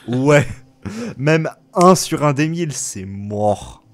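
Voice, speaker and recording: A man's voice: medium pitch, lively intonation, slow pace. A man running an online tabletop game, teasing and explaining rules casually. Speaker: game master.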